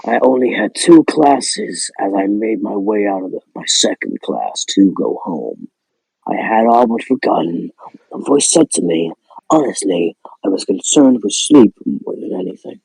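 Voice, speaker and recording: A man with a gravelly, husky voice reads a horror story in a playful spooky manner, sweary and irreverent, with joking asides. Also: on the low side, big pitch swings, measured pace, darkish tone, no room sound, rough recording. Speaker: host reading a spooky story. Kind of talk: scripted horror narration broken by casual joking asides.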